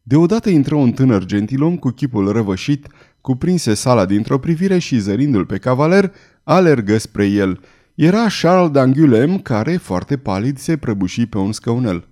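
A man reading a historical adventure novel aloud in an expressive, dramatic style. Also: mid-range voice. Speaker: audiobook narrator. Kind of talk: scripted narration.

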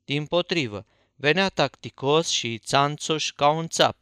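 A man reading a novel aloud in a folksy, even first-person narration. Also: a little high, clear, resonant tone, no echo, clean studio sound. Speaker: audiobook narrator.

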